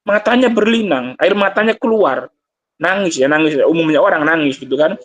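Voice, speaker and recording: A man gives a conversational sermon in a mosque. His voice sits fairly high, and he moves between recited Arabic phrases and homely explanation, often addressing the listeners directly. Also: expressive, fairly quick. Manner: mixes Arabic recitation with Javanese and Indonesian explanation. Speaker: ustadz teaching a kitab study.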